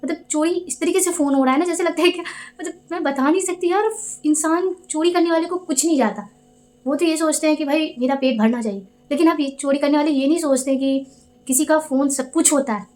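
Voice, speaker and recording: A young woman vlogger telling a story casually, with animated, indignant retelling and quoted dialogue. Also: sits high, fairly quick. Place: Delhi.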